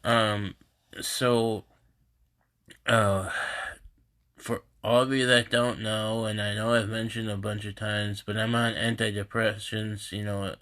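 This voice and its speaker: A man with a stuffy, congested nose, talking in a halting, rambling way on a casual live stream from home into his phone. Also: fairly low pitch, flat delivery, fairly bright tone. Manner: halting and rambling, many restarts. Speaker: host of a live group stream. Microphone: phone camera.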